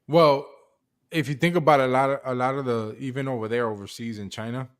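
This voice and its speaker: Man, co-host; relaxed, rambling anecdotes, casual cursing. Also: mid-range voice, a little fast, clean tone. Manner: swears casually, loose storytelling. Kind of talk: casual livestream chat.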